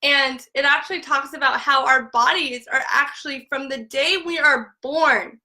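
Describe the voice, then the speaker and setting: Young woman, high bright voice; filler-heavy, emotional phone live rant. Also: low-quality recording. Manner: filler-heavy, repeats "like" constantly. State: tearful at times. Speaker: essential oils seller.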